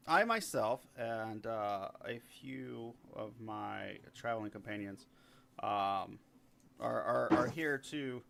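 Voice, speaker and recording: A man's voice: medium pitch, creaky, a bit bright, exaggerated voice. Man playing a stammering, eager bard. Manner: stammering, eager, repeats words. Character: eager young male bard, fast-talking self-promoter.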